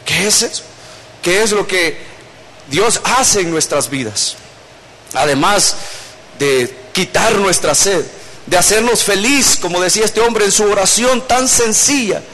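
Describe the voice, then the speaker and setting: A man's voice: high voice, fairly bright tone, a little hiss or hum. A male pastor, preaching a sermon in a conversational storytelling way. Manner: conversational storytelling preaching, acting out quoted voices.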